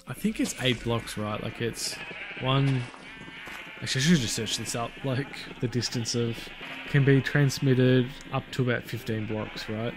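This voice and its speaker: A man talks through his gameplay in a loose, chatty way, thinking out loud and often trailing off mid-sentence. His voice sits at an ordinary middle pitch. Game music plays clearly behind him. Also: normal speed. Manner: rambling, chatty, thinks aloud with frequent restarts. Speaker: gaming channel host. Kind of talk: casual let's-play commentary.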